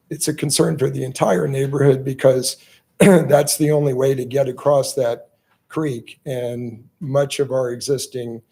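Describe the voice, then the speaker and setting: Hoarse guy at a town meeting, raspy, talks real slow with lots of pauses. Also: mid-range voice, warm tone. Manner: halting, measured delivery with pauses. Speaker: resident speaking at public comment. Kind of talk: public comment at a planning meeting.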